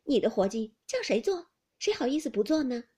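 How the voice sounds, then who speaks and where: A woman's voice: on the high side, very animated, mellow, breathy edge, pitched above the performer's own voice. A woman voicing an outspoken, blunt teenage noble girl who teases and scolds. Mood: teasing, indignant. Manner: blunt, quick-tongued, scolding.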